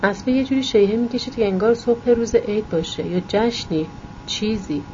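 A woman narrating a novel aloud in a calm, even storytelling voice. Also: mid-range voice, highs cut off, slight background noise. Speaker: audiobook narrator.

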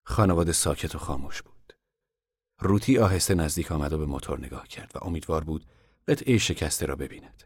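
A male narrator reads a novel in a calm, measured manner, sometimes sinking toward a hush. His voice is extremely deep, recorded close with a dry, roomless sound. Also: slightly rough, no echo. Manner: calm, measured storytelling, at times hushed. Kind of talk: audiobook narration.

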